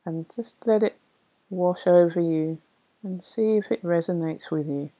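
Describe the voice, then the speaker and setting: A woman leading a guided meditation in a soft, soothing, unhurried way with long pauses. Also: on the low side. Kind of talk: guided meditation narration, reading a poem.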